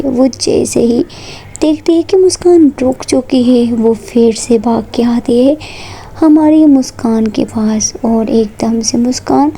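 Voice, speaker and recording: A woman narrating a romantic story in a soft, partly whispered, drawn-out way. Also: fairly high pitch, gravelly, breathy edge.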